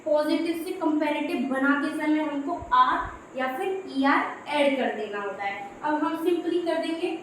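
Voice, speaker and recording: Female grammar teacher, high voice, strong room echo, faint hiss behind. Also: a little slow, fairly bright tone. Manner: explains step by step, repeating "dekhiye". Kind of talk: Hindi classroom-style grammar lesson. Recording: very echoey room, faint background noise.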